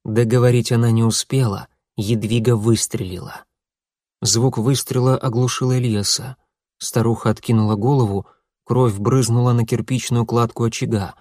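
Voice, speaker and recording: A man narrating an audiobook in a steady, measured way. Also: medium pitch, no room sound, clean studio sound.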